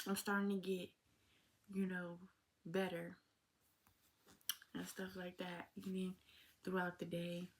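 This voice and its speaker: An eighteen-year-old woman chats slowly and openly with her viewers. Her voice sits at a middle pitch, and she keeps it informal and heartfelt, often calling them y'all. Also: a little hiss or hum. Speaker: vlogger. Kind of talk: casual vlog Q&A. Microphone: phone.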